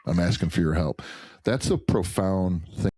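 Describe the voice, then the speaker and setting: A man with a very low, mellow voice talks earnestly in a casual podcast conversation, often restarting his thoughts. The sound is dry and close, with no room around it. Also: moderate pace, dry recording. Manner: earnest, rambling with many restarts. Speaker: podcast guest, chiropractor.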